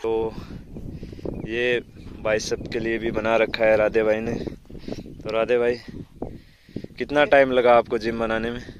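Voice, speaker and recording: A man's voice: lowish voice, little pitch movement, a little slow, pauses often, noisy background. A man in his thirties giving a casual gym tour outdoors, explaining steadily to viewers. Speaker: visiting fitness vlogger. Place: outdoor village gym in sandy fields.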